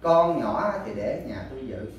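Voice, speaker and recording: Southern Vietnamese man, halting, echoey. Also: medium pitch, animated, highs cut off. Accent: southern Vietnamese, Mekong Delta. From Cà Mau, southern Vietnam. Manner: halting, repetitive storytelling. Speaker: husband searching for his missing wife. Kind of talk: personal account in an interview. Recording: very echoey, distant, faint background noise.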